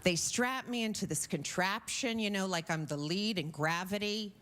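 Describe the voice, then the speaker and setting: A woman's voice: medium pitch, normal speed. A woman doing a stand-up comedy set on a TV studio stage. She talks in a chatty way, with lots of "um"s and "okay?" tags. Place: TV studio stage before a live audience. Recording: loud noise over the voice.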